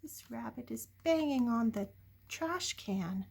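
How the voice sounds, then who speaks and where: The reader is an older woman whose slightly high, husky voice has lively intonation and some vocal fry, and she takes things slowly. She brings playful drama to a picture book, questioning her young audience and shifting from hushed whispers to loud exclamations.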